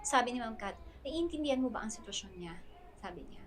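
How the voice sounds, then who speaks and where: A woman's voice: on the high side, a little fast. A woman from the Philippines, a podcast guest, telling a personal story in casual chat and acting out other people's words. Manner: animated, acts out other people's words in quotes.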